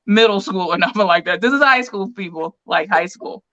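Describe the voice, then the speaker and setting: A woman's voice: medium pitch, a little fast, lo-fi sound. A woman co-hosting a podcast, chatting casually and telling stories with lots of fillers. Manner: animated storytelling with lots of fillers. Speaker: podcast co-host. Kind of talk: casual livestream chat.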